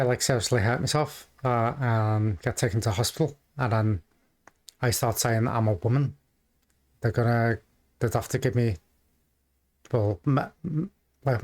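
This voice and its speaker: A man reacts to videos in a casual, unscripted way. His mid-pitched voice moves along haltingly and rambles from thought to thought, as a host thinking out loud would. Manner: hesitant, halting, rambling delivery. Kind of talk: casual off-the-cuff commentary.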